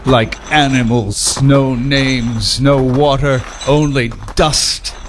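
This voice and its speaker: A man's voice: mid-range voice, steady tone, background noise, close to an everyday voice. An actor playing an embittered galley slave, narrating his suffering solemnly in a scripted historical drama. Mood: solemn, haunted. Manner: solemn, measured.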